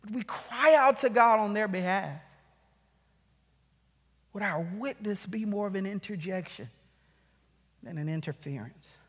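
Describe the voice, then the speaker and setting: A man's voice: sits high, lively intonation, unhurried, pauses often, fairly bright tone, in a large hall. A man preaching an earnest sermon as pastor, rising to urgent calls.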